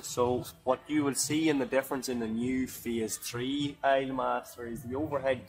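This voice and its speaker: A man's voice: mid-range voice, steady tone, normal speed, soft background music, rough recording. Older man explaining machinery in a warehouse. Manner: explanatory, repeats words when starting sentences. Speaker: forklift dealer expert. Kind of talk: on-site demonstration interview. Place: large indoor warehouse. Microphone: 360 camera nearby.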